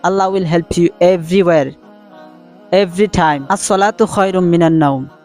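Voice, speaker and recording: A man's voice: high voice, normal speed, a little mellow, soft background music. A man from Bangladesh with a Bangladeshi accent, a Bengali speaker teaching English pronunciation in a casual lesson, repeating each word several times.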